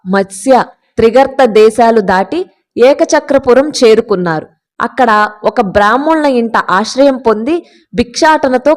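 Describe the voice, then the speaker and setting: A woman narrating a mythological story in a steady, engaging way, inviting listeners along. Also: a little high.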